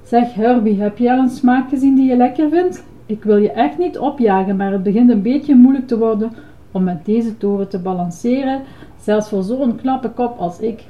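A woman's voice: a little high, moderate pace, warm tone, natural voice. A woman puts on a cheerful male ice cream monster from a storybook. He chants his list proudly and is keen to please every customer. The sound is dull and lo-fi. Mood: flustered.

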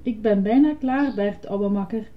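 A woman voicing an excitable, fussy, childlike male puppet in a high, dramatic, insistent voice while reading a storybook aloud. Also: measured pace, lightly acted. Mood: chirpy. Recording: dull lo-fi recording.

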